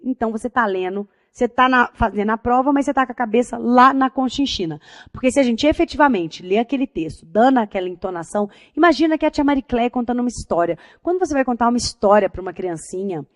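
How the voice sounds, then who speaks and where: Lively Brazilian woman teaching a class. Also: fairly high pitch, dry recording, clean studio sound. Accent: Brazilian Portuguese. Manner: energetic, chatty, addresses students as a group.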